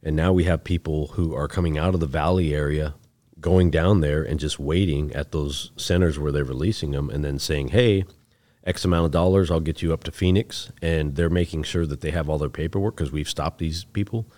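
A chief deputy sheriff talking in a casual podcast interview, plainspoken and laid-back, calling the host bro. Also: male voice, rumbling low, brisk, a little mellow. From United States.

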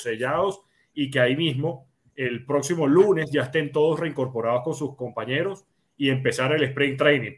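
A man giving casual sports commentary as a panelist, reasoning things through step by step. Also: fairly high pitch.

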